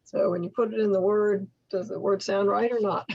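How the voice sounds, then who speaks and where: An older woman teaching in a slide presentation, speaking slowly and enunciating carefully as she models speech sounds step by step. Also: mid-range voice, steady tone, vocal fry, a little mellow, slightly rough, no room sound, lo-fi sound. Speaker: workshop instructor for literacy tutors. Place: indoor room at home, video call.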